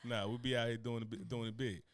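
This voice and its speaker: Here a Newark, New Jersey man talks fast in a level, medium-pitched voice with no echo. As a podcast co-host in casual chat, he's loose and profane, rambling along with laughs.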